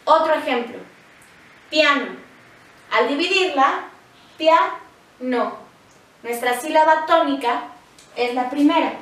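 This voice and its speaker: Woman teacher, high voice, slow and clear, recorded from afar in a very echoey room. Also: a bit bright, far from the mic. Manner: slow, clear syllable-by-syllable explanation. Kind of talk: scripted grammar lesson.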